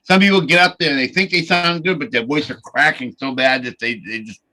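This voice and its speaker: A man's voice: fairly high pitch, fairly quick, pushed and bright. A man co-hosting a podcast, praising a guest eagerly and stumbling over restarts as he talks. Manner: enthusiastic, gushing, with stumbling restarts. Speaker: podcast co-host. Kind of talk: casual podcast chat.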